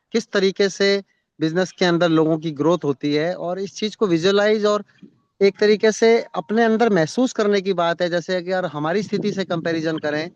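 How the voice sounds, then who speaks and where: A man's voice: high voice, clean tone, no echo. A man leading a motivational business meeting, coaching his listeners in a reflective tone. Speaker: business team leader. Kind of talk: motivational group talk. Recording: dry, dull lo-fi sound.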